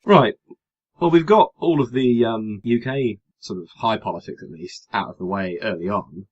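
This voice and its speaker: A man's voice: fairly low pitch, normal speed, lo-fi sound, loud music behind the voice. A man co-hosting a podcast, chatting casually and wryly about politics, rambling with hesitant fillers. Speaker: podcast co-host.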